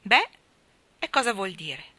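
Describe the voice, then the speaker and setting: A woman's voice: mid-range voice, very animated, measured pace, sharp tone, slightly rough, no room sound, heavily acted. A woman doing a cocky teasing schoolboy. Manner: mocking, know-it-all.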